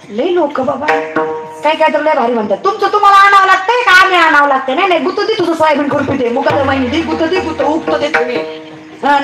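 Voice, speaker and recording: A young woman, giving a comic devotional sermon and teasingly quizzing the crowd from a live stage. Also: sits high. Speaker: kirtan performer. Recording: echoey live event, clear noise.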